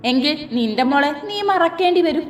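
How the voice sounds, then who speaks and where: A woman's voice: sits high, animated, normal speed, pitched above the performer's own voice. A woman voicing a ruthless young male villain who gives cold, commanding threats, with faint music behind. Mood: menacing.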